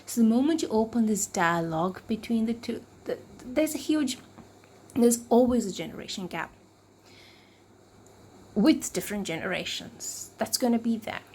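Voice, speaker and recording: A woman talking to camera about mental health in a reflective, unscripted way, often searching for words and restarting, her voice cracking and her throat needing clearing. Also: fairly high pitch, expressive, moderate pace, a little mellow, a little hiss or hum.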